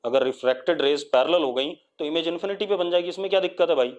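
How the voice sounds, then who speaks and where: A man with an Indian accent teaches a live online physics lesson. He coaxes his students with repeated questions and waits for their answers. He dictates definitions slowly, word by word, in English. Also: fairly high pitch, steady tone, muffled recording.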